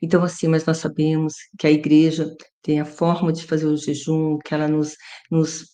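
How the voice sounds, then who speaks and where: A Brazilian woman giving an informal devotional talk as a guest speaker, halting and self-effacing. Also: sits low, monotone, warm tone. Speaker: guest speaker at a religious formation.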